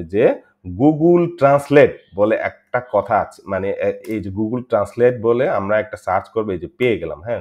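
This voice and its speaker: A man's voice: mid-range voice, highs cut off. A male teacher gives a chatty video lesson. He keeps checking in with "right?" and often repeats himself. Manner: chatty, repetitive, frequent "right?" check-ins.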